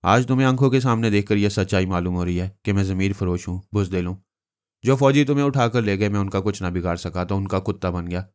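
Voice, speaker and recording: A man's voice: deep voice, quick pace, darkish tone, smooth, lightly acted. A man reading a novel aloud, voicing a desperate, lovesick male informer with an anguished, pleading delivery.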